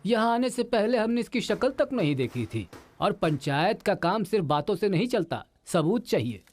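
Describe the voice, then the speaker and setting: A man's voice: high voice, sing-song, moderate pace, a little mellow, faint music behind. An actor playing a father who talks about his young son in a Hindi film scene. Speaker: father of a small boy.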